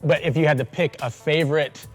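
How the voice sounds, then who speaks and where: A man's voice: a little high, steady tone, a little fast, faint music behind. An American man chatting casually as the interviewer of a light challenge show. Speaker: interviewer hosting a hot wings challenge. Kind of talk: casual chat.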